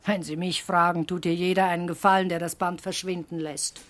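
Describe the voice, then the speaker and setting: An actress playing a haughty, caustic singing teacher in a comedic radio drama, with theatrical, cutting delivery. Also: female voice, lowish voice, little pitch movement, fairly quick, soft background music, close to an everyday voice. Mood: caustic, dismissive.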